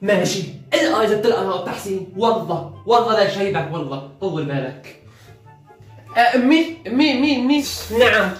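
A mischievous man with a Syrian accent chatters quickly through a comedy sketch, scheming and muttering asides. His voice sits fairly high, and the room gives a strong echo, with faint music underneath. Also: expressive. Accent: Syrian Arabic.

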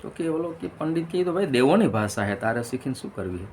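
A man's voice: mid-range voice, animated, fast, a little mellow, a little hiss or hum. A middle-aged man, telling a string of jokes in a casual monologue and switching voices for the punchlines.

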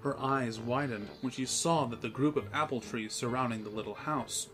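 A man's voice: medium pitch, moderate pace. Man narrating a storybook. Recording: narration with music behind it.

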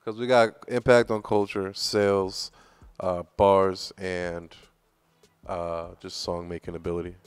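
Low, smooth-voiced man in casual podcast talk. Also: level tone, measured pace, no echo. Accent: New York. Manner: hesitant, thinks aloud with many restarts and fillers. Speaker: podcast co-host. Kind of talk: casual chat.

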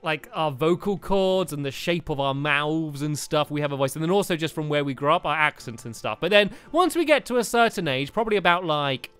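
A young man hosting a gaming video, chatting and arguing in an excitable, rambling way. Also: a little high, a little fast, few pauses, smooth, soft background music. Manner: excitable, laughing, argumentative, rambling. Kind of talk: casual banter while gaming.

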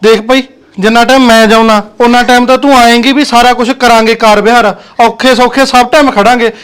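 A man's voice: very high-pitched, steady tone, a little fast, a bit bright, clear, resonant tone. An actor playing a stern older father in a village, firm and scolding with his son and daughter-in-law.

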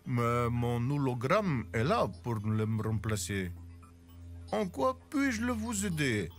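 A storyteller voicing a polite male inventor speaking through a hologram, with a Russian accent and slow, formal speech. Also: medium pitch, very animated, soft background music, pitched below the performer's own voice. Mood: courteous.

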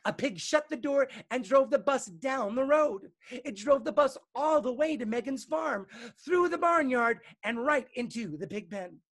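Brief: male teacher reading a picture book to kids, expressive, pitch rising and falling a lot. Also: a little slow. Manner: lively, expressive, playful. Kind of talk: storybook read-aloud.

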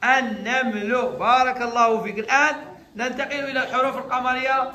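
High-voiced patient teacher man. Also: steady tone, quick pace, bright, forceful tone. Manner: patient, repeats each letter, praises answers. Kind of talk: classroom lesson with young pupils.

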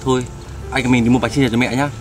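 A man voicing a gentle older brother who comforts his sister and apologizes. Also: medium pitch, little pitch movement, racing, far from the mic, soft background music, natural voice. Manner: soothing, apologetic.

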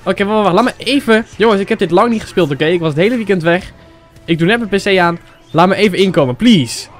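A young Dutch man giving excitable let's-play commentary, swearing and shouting at the game. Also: sits high, quick pace. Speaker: gaming YouTuber. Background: game music.

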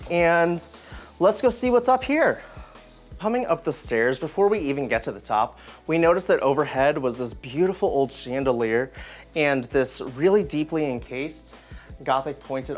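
A man's voice: a little high, animated, normal speed, faint music behind. Enthusiastic man guiding a house tour. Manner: enthusiastic, guiding viewers room to room. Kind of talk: walking house tour narration. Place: empty old house, indoor rooms.

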